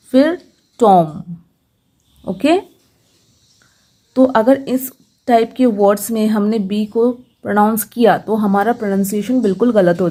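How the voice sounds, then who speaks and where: A woman, teaching English pronunciation patiently and slowing down to stress each rule. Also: mid-range voice, dark tone. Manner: patient, slows down to stress rules. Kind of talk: explanatory lesson.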